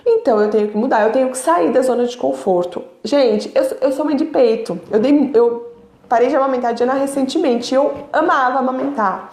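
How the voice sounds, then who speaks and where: Woman in her thirties, high voice, chatty sleep coach addressing parents, echoey room. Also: fairly quick, darkish tone. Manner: conversational, asks the audience rhetorical questions. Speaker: sleep consultant. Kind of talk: informal teaching talk to parents.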